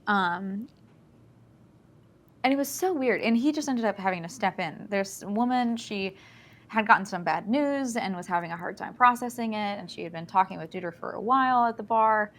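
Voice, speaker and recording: A woman's voice: mid-range voice, expressive, moderate pace, a bit bright. A woman streamer chatting casually and telling a story, with lots of filler words and restarts.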